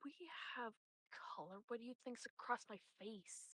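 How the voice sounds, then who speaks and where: A woman's voice: a little high, fairly bright tone, no echo, voice pushed up. Zahn, a woman playing an awestruck adventurer. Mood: awed. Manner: awed, wisecracking, unhurried.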